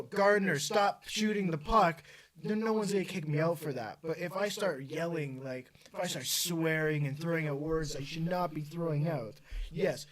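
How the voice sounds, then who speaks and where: A young man hosting a casual sports chat, animated and full of quick restarts. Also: fairly high pitch. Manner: animated, quick back-and-forth with repeated restarts. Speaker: podcast host.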